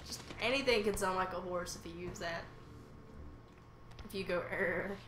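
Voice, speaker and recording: A woman playing a co-op video game in casual chat, giggling, swearing and yelling at the game. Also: on the low side, moderate pace. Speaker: co-op game player. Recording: echoey room with background noise.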